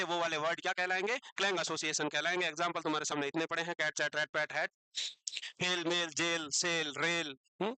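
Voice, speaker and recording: A man teaches a class in a high, bright voice, recorded close and dry. He keeps asking the students questions and answering them himself, and teases them now and then. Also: clean tone, no echo, poor audio. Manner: teasing, asks the class questions and repeats answers. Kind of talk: classroom lecture.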